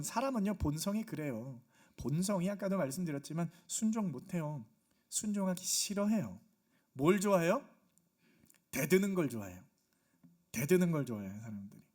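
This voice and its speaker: A man's voice: a little high, a little mellow. A male pastor preaching a Sunday sermon in a church, driving his points home with rhetorical questions and emphatic repetition. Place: church sanctuary.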